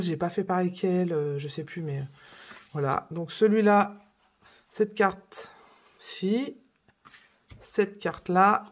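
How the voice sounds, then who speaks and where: A woman's voice: fairly low pitch, slightly rough. A woman talks casually through her coloring books, showing them off one by one. She rambles, restarts her sentences and fills the gaps with little hesitations. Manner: chatty, rambling, full of fillers and self-corrections. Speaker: coloring book vlogger. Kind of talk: casual show-and-tell chat.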